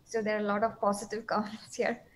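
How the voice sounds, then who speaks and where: A woman's voice: medium pitch, monotone, fast talker, poor audio. A woman moderating a talk, thanking the speaker in a hesitant way with many fillers. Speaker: host moderator. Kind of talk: closing remarks.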